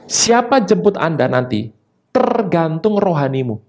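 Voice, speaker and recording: A pastor delivers a sermon with lively energy, his voice jumping into sudden high, emphatic peaks and slipping in quick asides.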